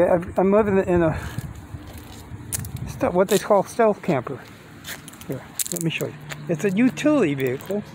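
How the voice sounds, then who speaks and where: A man's voice: on the high side, mellow, a little hiss or hum. An older man filming himself on his phone, talking casually and rambling, often restarting and working out sums aloud, first outdoors in a park and later inside a van. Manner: rambling, plainspoken, with restarts and mental math. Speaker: vlogger. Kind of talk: casual self-filmed vlog. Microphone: phone held close.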